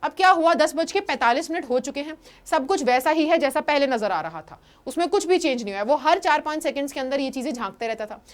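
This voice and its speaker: High-voiced woman teacher explaining a story. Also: lively intonation. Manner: reads English lines slowly, then explains in quick Hindi. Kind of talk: Hindi-English chapter explanation.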